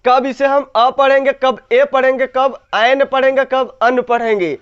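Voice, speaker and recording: A man with a very high, smooth, clear voice teaches a grammar class in call-and-response style. He keeps turning each point back to the students as a question and drags out the key words to drive them home. The sound is a little dull and lo-fi. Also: fairly even intonation, a bit bright. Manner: stretches key words slowly for emphasis.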